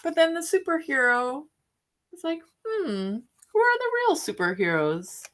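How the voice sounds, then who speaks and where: Talking to children as their teacher, a woman explains off the cuff during a read-aloud discussion, guessing aloud and asking her listeners questions. Her voice sits high and sing-song, fairly bright, at a measured pace.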